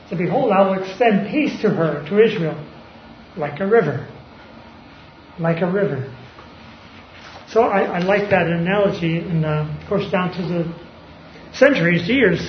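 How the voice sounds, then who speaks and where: Male preacher, high voice, informal Bible talk with fillers and throat clearing; roomy, slightly muffled recording. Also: slight background noise.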